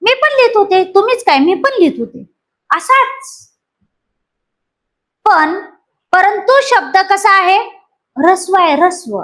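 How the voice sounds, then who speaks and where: A woman from Maharashtra with a teaches a grammar class for exam aspirants. Her voice sits very high. She keeps quizzing the students and repeats each rule until it sticks. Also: unhurried, long pauses. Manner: lively, questions students and repeats key points.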